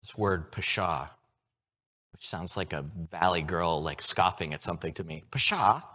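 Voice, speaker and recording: A man preaching a sermon, moving from hushed, low lines to loud, excited ones as he acts out everyday scenes. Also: normal speed. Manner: animated, with props and shifts from hushed to loud. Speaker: pastor.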